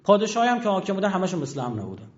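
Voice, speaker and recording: A man giving an argumentative lecture, firing rhetorical questions at his listeners and slowly reading out dictionary entries and verses. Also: high voice, very animated. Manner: emphatic, rhetorical questions to the audience. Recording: dull lo-fi recording.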